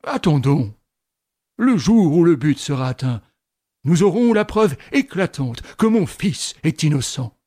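A man's voice: a little high, very animated, a little slow, warm tone, no echo, studio quality. A man doing an insistent old general. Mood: hopeful. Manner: emphatic, raised and pressing delivery. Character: old male army general, insistent and proud.

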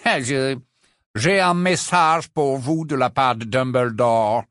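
A man voicing a haughty old male wizard portrait in an audiobook, with a slow, sarcastic, mocking drawl. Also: fairly high pitch, very animated, fairly bright tone, no room sound, studio quality, pitched above the performer's own voice, full character voice. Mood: smug. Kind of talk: audiobook character voice.

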